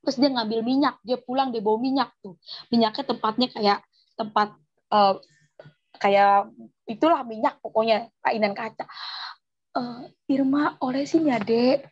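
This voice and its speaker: A woman tells her testimony in a high, husky voice. She narrates in a lively way and acts out the voices of others. The recording sounds dull and lo-fi. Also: normal speed. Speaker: testimony speaker. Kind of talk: personal testimony.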